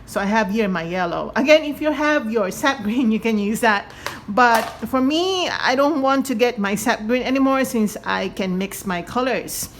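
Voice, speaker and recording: Chatty giggly lady doing a painting tutorial, kinda high voice, speech a bit off after braces, some noise behind her. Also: animated, normal speed. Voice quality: slightly impeded speech from braces just removed. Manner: chatty, giggly, self-correcting. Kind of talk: casual hands-on tutorial talk.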